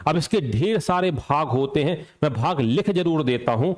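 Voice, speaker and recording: A man's voice: a little high, expressive, normal speed. A man teaching an exam coaching lecture, asking questions and answering them himself and repeating the key points to drill them in. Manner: asks and answers his own questions.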